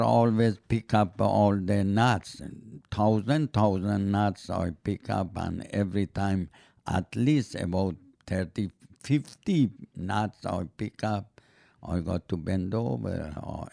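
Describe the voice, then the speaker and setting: An older man, not a native English speaker, chatting on a podcast in halting, broken English with many fillers. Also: on the low side, creaky, mellow, no room sound, studio quality. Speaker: podcast guest, host's father. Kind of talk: casual chat.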